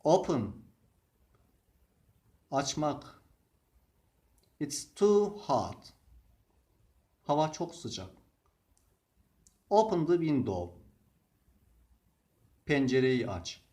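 Very slow, deliberate male teacher. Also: fairly high pitch, sing-song, dark tone. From Turkey. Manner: slow, deliberate reading of words and example sentences. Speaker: English teacher. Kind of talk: slow vocabulary lesson.

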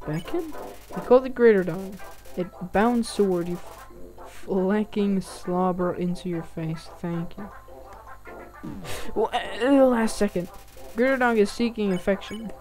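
A woman's voice: mid-range voice, warm tone, soft background music. Woman reading game text in let's play. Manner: reads game text aloud between quick reactions. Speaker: gaming channel host. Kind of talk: casual let's-play commentary.

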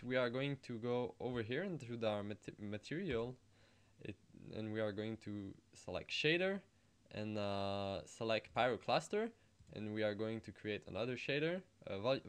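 Young french guy walking through a 3d tutorial, lots of uhs and ums, restarts mid-word, medium pitch. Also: smooth. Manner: hesitant, many fillers and restarts. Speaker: tutorial host. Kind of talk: screen-recorded software tutorial.

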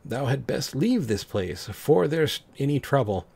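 A man's voice: medium pitch, sing-song, unhurried, creaky, a little mellow, slightly rough, full character voice. A man reading out a boastful pirate sailor's lines from an old computer game, in a lightly put-on voice.

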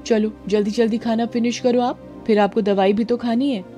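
A woman voicing a gentle young mother who softly coaxes her daughter in a storybook tale. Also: fairly high pitch, fairly even intonation, moderate pace, soft background music, pitched above the performer's own voice, natural voice. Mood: coaxing. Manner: soft and coaxing.

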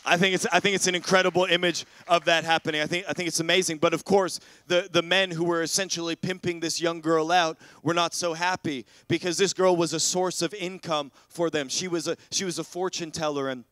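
Male pastor, sermon, earnest, stumbling restarts, fairly high voice, dry close sound. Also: steady tone, a little fast, a bit bright, dry recording. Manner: earnest, repeats words while building momentum; calls out to the congregation.

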